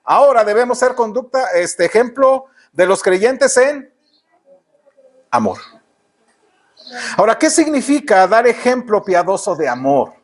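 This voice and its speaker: A man's voice: high voice, very animated, measured pace, long pauses. A man with a Mexican Spanish accent preaching a sermon in church, often asking the congregation rhetorical questions. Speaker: pastor.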